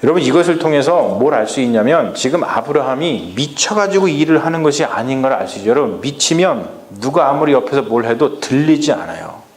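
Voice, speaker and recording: A man's voice: medium pitch, big pitch swings, a little fast, hardly any pauses. Male pastor, sermon delivery, asks the room questions, echoey sanctuary sound. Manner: questions the congregation, acts out Bible lines in dialect. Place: church sanctuary. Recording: echoey church hall.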